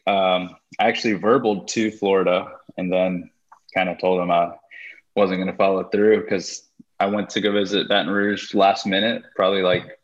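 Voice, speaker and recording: Guest spot: twenties man from Costa Rica, low-pitched, laid-back storyteller, muffled lo-fi podcast audio. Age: 20s. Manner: relaxed, laughs easily, plain storytelling. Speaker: guest golfer. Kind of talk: casual podcast interview.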